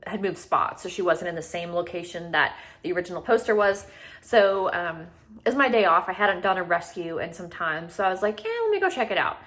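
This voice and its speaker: A woman with a mid-range, slightly bright voice tells the camera, vlog style, about her own animal rescue, keeping it casual and conversational.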